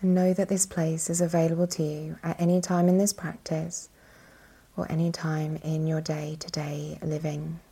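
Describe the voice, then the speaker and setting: A woman serves as instructor for a guided yoga nidra meditation, her soft, breathy voice calm and soothing with long pauses. Her pitch sits low.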